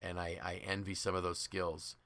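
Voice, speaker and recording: The recording is dry and close, with no room sound, as a male leadership trainer hosts his podcast in a fairly low, bright, punchy voice. Though his pace is moderate and his delivery flat, he tells stories conversationally with enthusiasm and emphasis, slipping into quoted dialogue.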